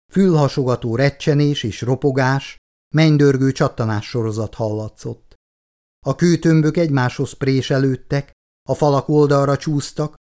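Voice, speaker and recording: A man narrating an audiobook in a measured, even reading. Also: mid-range voice. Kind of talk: scripted narration.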